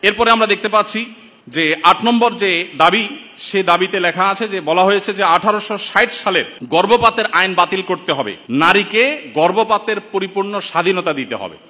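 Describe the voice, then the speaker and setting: A man's voice: sits high, lively intonation, a little fast, pushed and bright. A man preaching in an indignant, rhetorical way, calling his listeners brothers, from Bangladesh. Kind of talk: impassioned sermon-style commentary. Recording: long reverberant hall sound.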